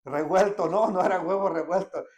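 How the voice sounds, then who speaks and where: A Bible teacher leads a verse-by-verse study. The voice moves lively up and down as it asks listeners questions and reads verses aloud slowly. The room adds a clear echo. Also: medium pitch. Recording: echoey room.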